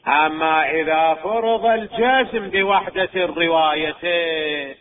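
Slow-spoken man lecturing over a tinny line. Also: a little high. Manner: measured, deliberate, asks and answers his own questions. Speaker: religious law teacher. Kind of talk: scholarly lecture. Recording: tinny phone-like recording.

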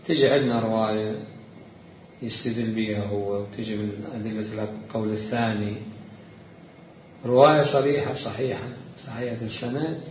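A man teaching a seminary jurisprudence lesson, explaining slowly and repeating key words as he reads texts aloud. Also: on the low side, fairly even intonation, a little hiss or hum. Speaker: religious law teacher. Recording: roomy, distant, muffled lecture recording.

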